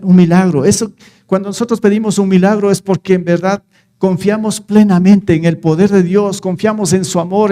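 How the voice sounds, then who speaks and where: Male preacher, high voice, soft mellow tone, chatty sermon delivery with rhetorical questions. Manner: conversational, asks the listeners rhetorical questions; reads scripture aloud and retells it.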